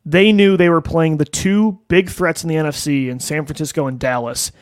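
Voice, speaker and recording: A man's voice: fairly high pitch, steady tone, normal speed, no echo. A man hosting a sports podcast, talking in an incredulous, conversational way. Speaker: podcast host. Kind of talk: casual sports chat.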